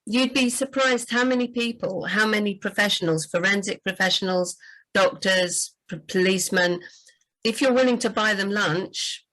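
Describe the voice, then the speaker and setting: A woman's voice: mid-range voice, moderate pace, sharp tone, poor audio. A woman, a book editor, talking casually about writing, full of "you know" and restarts. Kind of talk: casual livestream chat.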